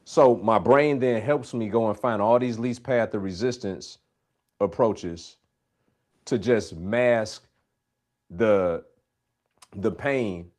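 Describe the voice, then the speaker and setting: His voice runs on the low side with a darkish tone. As host of a live Q&A, he coaches in a preacherly, faith-based way, speaking emphatically and coming back again and again to his key phrases.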